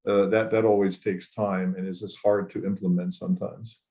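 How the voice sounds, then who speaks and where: A man speaking as a panelist in an online panel discussion, measured and a little hesitant. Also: low-pitched, level tone, warm tone, rough recording. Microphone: video call.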